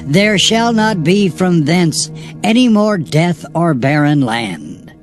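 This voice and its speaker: A man's voice: on the high side, sing-song, slow pace, faint music behind. A man voicing a devoted young prophet, earnest and pleading, drawing out his words.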